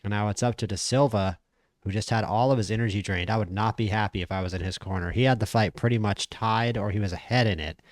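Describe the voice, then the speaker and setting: A man casually commentating a boxing management game, chatty and opinionated, stammering when he gets excited. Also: lowish voice, fast talker, dry recording, studio quality. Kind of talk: casual play-by-play commentary over a boxing sim.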